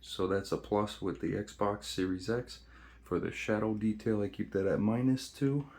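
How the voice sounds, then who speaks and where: In an informal how-to video, a male host with a low, darkish voice talks casually to his viewers at normal speed. He walks through the settings one step at a time.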